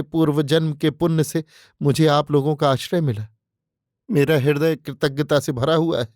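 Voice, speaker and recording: A man's voice: fairly high pitch, darkish tone, no echo, studio quality, natural voice. A man voicing a pleading, flowery young suitor. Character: scheming young man confessing passionate devotion. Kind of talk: audiobook character reading.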